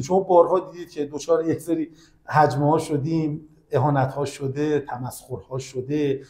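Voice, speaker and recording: A man's voice: a little high, a little mellow, roomy sound. A man, a podcast guest, earnestly retelling a long grievance in conversation. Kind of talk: conversational storytelling.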